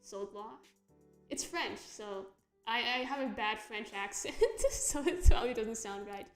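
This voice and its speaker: A young webcomic artist with a fairly high voice chats casually at a measured pace while drawing on a livestream from a room at home. She reads out viewer questions and laughs often in a self-deprecating way, in an echoey room with music behind.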